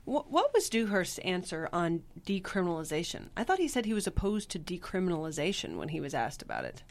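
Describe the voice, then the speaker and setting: A woman on a political podcast panel, chatting casually and quickly, laughing often. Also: fairly low pitch, huge pitch swings.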